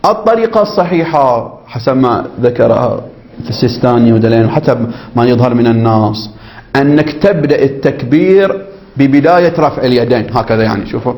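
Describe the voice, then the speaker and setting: A male teacher leads a jurisprudence lesson at a brisk pace, reading a passage and then unpacking it for his students. He keeps pausing to check that they follow and acts out phrases in several ways to show the difference. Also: medium pitch, animated, a little mellow. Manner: explanatory, keeps checking understanding with the class. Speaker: religious teacher.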